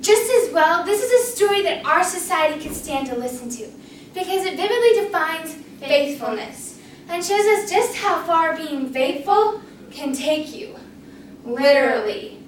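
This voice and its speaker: A woman narrating a rhymed children's story at a speech competition, expressive and sing-song. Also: very high-pitched, unhurried. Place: competition room. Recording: echoey room, mic far off, faint noise.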